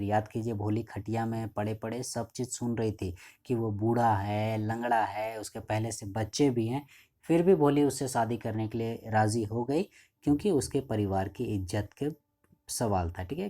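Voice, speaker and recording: गहरी, नरम आवाज़ वाला पुरुष शिक्षक. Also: male voice, lowish voice, warm tone. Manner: reads English lines slowly, then explains in Hindi with repeated "ठीक है". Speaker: teacher. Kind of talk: line-by-line lesson explanation.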